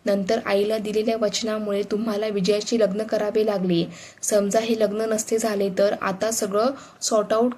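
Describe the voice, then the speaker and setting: A young daughter-in-law in a read-aloud family story, voiced by a woman narrator, pleading and reproachful. The voice moves little in pitch, staying flat and even. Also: close to an everyday voice.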